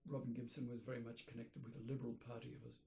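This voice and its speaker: An older man, an architect, reminiscing in an interview, rambling and pausing to search for names. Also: mid-range voice, flat delivery, gravelly, mellow. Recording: roomy echoey room.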